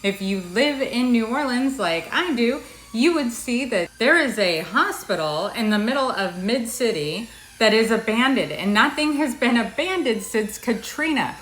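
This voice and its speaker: A woman's voice: fairly high pitch, expressive, unhurried, a bit bright. Woman, American accent, news anchor parody, casual satirical commentary, opinionated, wry, echoey recording. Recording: echoey, roomy sound.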